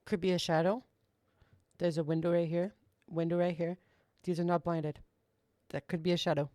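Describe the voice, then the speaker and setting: A woman with a slightly low voice talks casually as she reacts to footage, doubtful and repetitive in her phrasing. There is faint noise behind her. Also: dark tone. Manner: skeptical, repeating herself. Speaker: reaction video host. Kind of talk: casual off-the-cuff reaction commentary.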